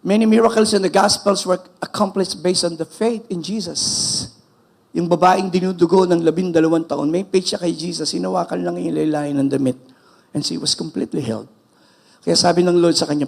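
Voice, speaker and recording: A man's voice: fairly high pitch, fairly even intonation, fairly quick, vocal fry, a little mellow. A man with a Filipino accent preaching a sermon as pastor, emphatic and switching between English and Filipino.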